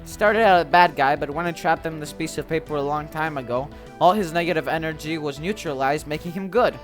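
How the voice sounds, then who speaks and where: A man's voice: on the high side, a little fast, faint music behind, lightly acted. A man voicing an earnest, determined young cartoon hero, reading out dialogue from a game.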